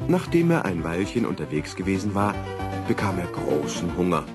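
A man narrates a children's story at a slow, gentle pace. His low voice moves a lot in pitch and keeps it lively. Soft music plays in the background.

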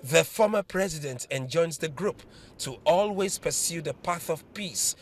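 A man reading a scripted news voice-over in an even, formal way. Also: on the high side, unhurried. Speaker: reporter.

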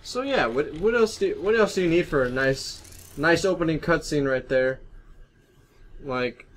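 A man's voice: fairly high pitch, animated, unhurried. A young man doing let's play commentary, rambling and self-deprecating as he talks over his gameplay. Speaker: gaming commentator.

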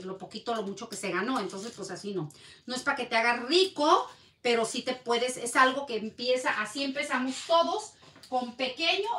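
An online bag seller with a Mexican accent chats casually to viewers on a sales live stream, often talking in circles. Her high voice is pushed and bright, and she addresses viewers directly in a rambling way. The mic sits at a distance in an echoey room.

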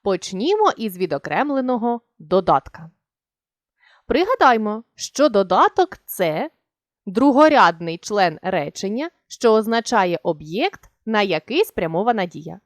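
A woman gives a grammar lesson and speaks with a lively, rising and falling intonation. She sets out each rule clearly and deliberately and stresses her example words. The sound is dry and close, with no room behind her. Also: medium pitch, no echo. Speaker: teacher.

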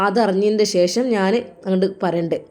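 A woman voicing a serious mother-in-law who delivers a measured warning on a phone call, with a Malappuram Malayalam accent, in an audio drama. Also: mid-range voice, fairly even intonation, darkish tone, lightly acted. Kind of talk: audio drama role-play.

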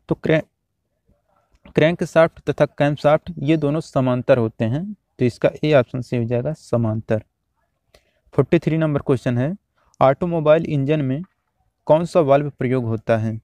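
A man teaching, reading out quiz questions and their options one by one, then repeating each answer in a steady drill. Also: mid-range voice, no room sound. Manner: steady, repetitive exam-drill delivery.

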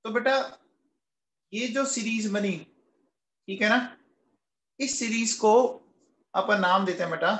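A man's voice: high-pitched, slow pace, long pauses, sharp tone, roomy sound, low-quality recording. A man teaching a chemistry class who coaxes his students with questions and then answers them himself, affectionately calling them kids. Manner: calls students "beta" and "bachche" affectionately. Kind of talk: classroom lecture.

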